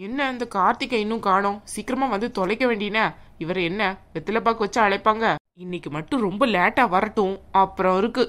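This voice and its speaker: A woman voicing a proud, scheming young bride in a cartoon, sharp-tongued and snippy. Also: medium pitch, lightly acted. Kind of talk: cartoon voice acting.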